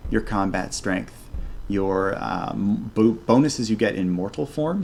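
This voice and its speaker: Low-voiced man doing casual gaming commentary. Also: slight background noise. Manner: chatty, thinking aloud. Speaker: gaming channel host. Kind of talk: casual video game mod showcase commentary.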